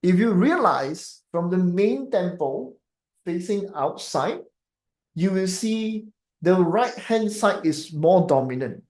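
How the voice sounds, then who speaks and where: A man's voice: high-pitched, expressive, slow, a little mellow. Man, Malaysian English accent, feng shui teacher, casual live-stream chat, rambling, filler-heavy, echoey room. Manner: rambling, full of fillers and tag questions like "eh?" and "okay".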